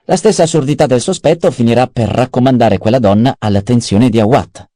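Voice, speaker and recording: A man's voice: medium pitch, brisk, warm tone, no echo, clean studio sound, pitched above the performer's own voice, lightly acted. A man voicing a cunning, self-satisfied male adviser in an audiobook, eager and precise. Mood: scheming. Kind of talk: audiobook character voice.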